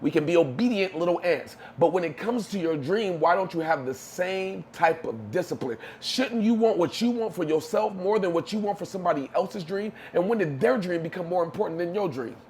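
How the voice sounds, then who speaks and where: A man's voice: sits high, expressive, a little fast, hardly any pauses, a little mellow, a little hiss or hum. A man giving emphatic, preachy motivational talk on a podcast, using street slang. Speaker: podcast co-host.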